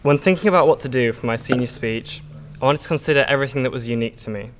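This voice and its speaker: A teenage boy from England with a Yorkshire accent delivers an earnest, prepared school speech very fast, with small slips and fillers. His male voice is mid-range, and the echoey hall adds long reverb plus a little hiss or hum.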